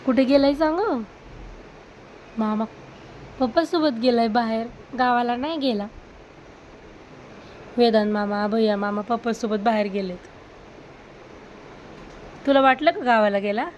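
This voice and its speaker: A woman gently coaxing and questioning a small child at home. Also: fairly high pitch, measured pace, pauses often, slight background noise, poor audio. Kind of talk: talking softly to a small child.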